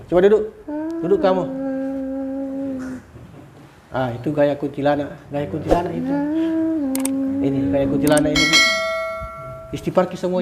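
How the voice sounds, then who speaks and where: A man's voice: fairly high pitch, very noisy. Commanding healer man. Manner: commanding, repetitive questioning. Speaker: spiritual healer. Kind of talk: exorcism session.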